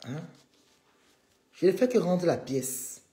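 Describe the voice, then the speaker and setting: A man's voice: high-pitched, sing-song, slow, dark tone, roomy sound. A man hosting a live stream, needling a rival and calling on his viewers in a combative way.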